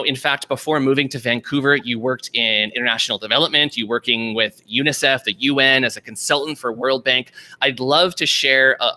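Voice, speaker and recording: Male podcast host, very bright edgy tone, admiring questions. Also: mid-range voice. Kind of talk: podcast interview.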